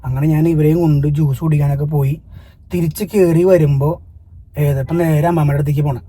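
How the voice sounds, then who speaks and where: A Malayali family vlogger speaks in a high, rapid voice with a dark, mellow tone. He tells a story earnestly, then turns sharp and scolding toward commenters. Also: fairly even intonation, slightly rough. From Kerala, India. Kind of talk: casual vlog talk to viewers.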